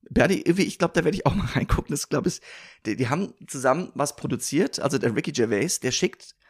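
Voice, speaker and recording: A man co-hosting a casual podcast chat about TV series, often restarting sentences and laughing as he tells stories. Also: mid-range voice. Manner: hesitant restarts, laughs while telling stories. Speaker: podcast co-host.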